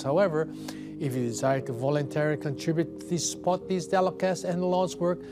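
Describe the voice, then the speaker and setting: A man reading scripted church announcements in a steady manner. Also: fairly high pitch. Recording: music behind voice.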